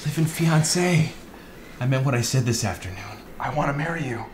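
A man's voice: mid-range voice, expressive, brisk, very noisy, close to an everyday voice. A young man playing an intense, scheming boyfriend, earnest and pressing in a melodramatic comedy style. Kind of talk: comedic web-series acting.

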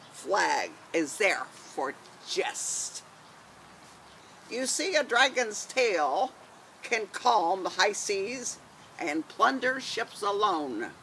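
An older woman introducing her own children's story outdoors in her garden, chatty and gentle. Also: medium pitch, a little hiss or hum.

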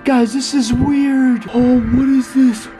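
Extremely high-pitched and speaking slowly, this young twenty-something YouTuber gasps dramatically and keeps calling out "guys." His excited vlog moves from outdoors at night to an indoor room over loud background music.

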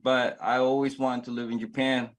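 Speaking close to a phone camera in a small indoor room, a Filipino man of about forty, a network marketing member, shares his personal story in an earnest, excited testimonial. He often restarts his sentences, and his voice is medium in pitch at a normal speed.

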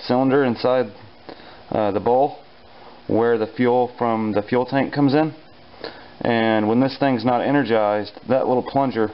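A man casually explaining a small engine repair in his home garage, relaxed and dryly joking, with plenty of fillers as he works. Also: lowish voice, muffled recording. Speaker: repair instructor. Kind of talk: casual hands-on repair tutorial.

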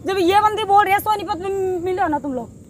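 A young woman argues stubbornly and keeps accusing in a staged street quarrel. Her voice is very high. Street and traffic noise can be heard clearly in the recording. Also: fairly quick. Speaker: prank video performer.

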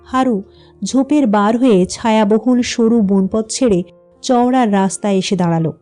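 A woman narrating a classic short story in a calm, even reading voice. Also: fairly high pitch, normal speed, soft background music.

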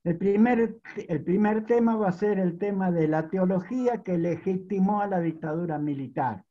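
A man's voice: high-pitched, moderate pace. Man lecturing on a glitchy video call. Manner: formal, methodical, restates himself as he goes. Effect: choppy audio cutting out over a video call. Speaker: conference panelist. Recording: dull, lo-fi video call audio.

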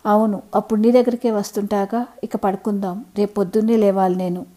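A woman's voice: medium pitch, little pitch movement, a little fast, mellow, lightly acted. A woman voicing a fond, easygoing husband in his late fifties in a storybook reading.

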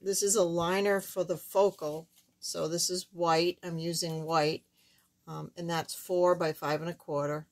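An older woman with a thin, squeaky, slightly hoarse voice, giving a casual, halting card-making demonstration. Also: flat delivery. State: hoarse while recovering from surgery. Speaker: craft tutorial host. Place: indoors at a wooden craft table, camera overhead.

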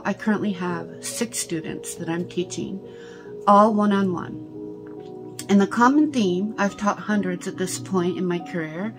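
A middle-aged woman talks through a cloth face mask in a casual teaching style. Her pitch sits in the middle range, and she explains conversationally with frequent little check-ins. Music plays behind her. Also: rough recording. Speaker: psychic medium and teacher. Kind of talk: casual instructional talk to camera. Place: small indoor room.

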